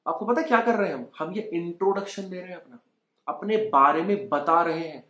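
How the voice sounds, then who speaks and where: Teaching spoken English in Hindi from his home, a young Indian man coaxes learners to echo his sentences in this Hindi-English lesson. He speaks a little fast in a high, somewhat bright voice, and the room has an echo.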